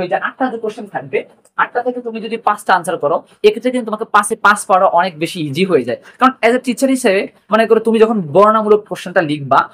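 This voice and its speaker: A man with a Bangladeshi accent teaching an exam prep lesson, repeating key points and mixing in English words. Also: high-pitched. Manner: rapid, repetitive, mixes English words.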